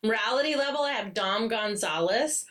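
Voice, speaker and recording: A woman's voice: on the high side, expressive, moderate pace, far from the mic, a crowd in the background. A young adult woman co-hosting a podcast, chatting casually about romance books and reading from a prepared list with dry, witty one-liners. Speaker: podcast co-host.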